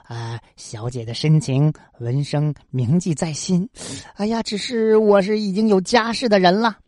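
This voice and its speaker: A woman's voice: lowish voice, unhurried, darkish tone, no room sound, clean studio sound. A woman telling a folk tale, voicing a fickle, self-serving young male scholar in dialogue. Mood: sheepish.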